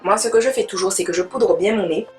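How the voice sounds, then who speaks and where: A woman's voice: mid-range voice, quick pace, a little mellow, soft background music. A young woman, chatting casually through a makeup tutorial and dropping in English words. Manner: chatty, mixes in English words, repeats fillers. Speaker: beauty vlogger.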